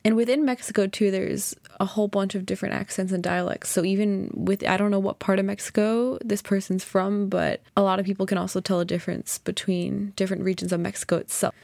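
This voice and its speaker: A woman's voice: mid-range voice, fairly even intonation, a little fast, vocal fry, hardly any pauses, a little mellow, dry recording. A young woman hosting a podcast, chatty and enthusiastic as she explains. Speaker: podcast host.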